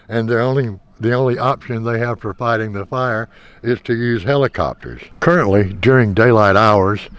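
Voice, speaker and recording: Low-pitched man narrating a vlog. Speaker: vlog host.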